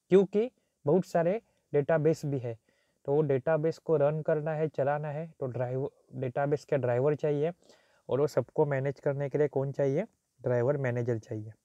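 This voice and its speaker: A man's voice: on the high side, mellow, no echo. A man teaching a technical lecture who mixes Hindi with English terms, repeats his points, and asks and answers his own questions. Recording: dull, slightly muffled recording.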